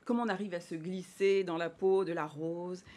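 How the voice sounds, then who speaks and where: A woman news anchor speaks in a lowish voice. She interviews a guest and leads into reports with a brisk, crisp announcer's delivery. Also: steady tone, mellow, a little hiss or hum.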